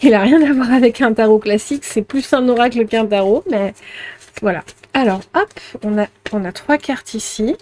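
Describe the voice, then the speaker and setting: A woman giving an intuitive tarot reading to her viewers, gentle and chatty, with many fillers and repeated words. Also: a little high, normal speed, a little hiss or hum. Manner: speaks to unseen spirit guides while drawing. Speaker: tarot card reader.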